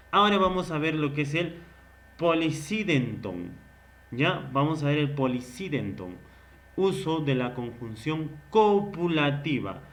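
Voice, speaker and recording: Slow-talking literature teacher quizzing students. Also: male voice, fairly high pitch. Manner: asks the listener questions and answers them himself; repeats key words slowly. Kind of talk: recorded lecture.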